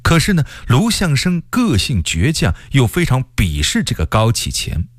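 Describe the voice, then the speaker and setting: A man narrating a traditional story on radio in a measured, expressive way. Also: medium pitch, no echo, studio quality.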